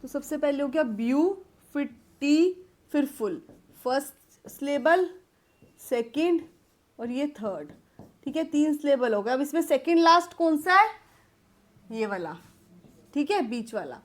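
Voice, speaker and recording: A woman teacher with an Indian accent giving a vocabulary lesson, mixing Hindi and English, addressing students as "beta" and dictating definitions slowly while she writes. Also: high voice, animated.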